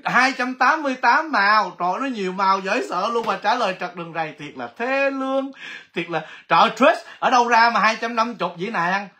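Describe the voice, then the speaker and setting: A man hosting a casual livestream giveaway, chatty and excitable, exclaiming often. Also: sits high, brisk, hardly any pauses. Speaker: livestream host.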